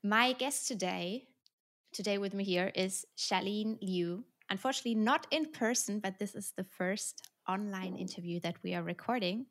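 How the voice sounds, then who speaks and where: A woman's voice: mid-range voice, normal speed, fairly bright tone. A woman hosting a podcast from home, with an upbeat, scripted way of introducing the show and her guest. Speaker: podcast host.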